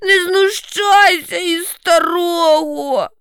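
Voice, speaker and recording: A woman voicing a grumpy, bossy old male snowdrift with a low grumbling voice, rude and scolding. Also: extremely slow, fairly bright tone, dry recording, studio quality, exaggerated voice. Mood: pained.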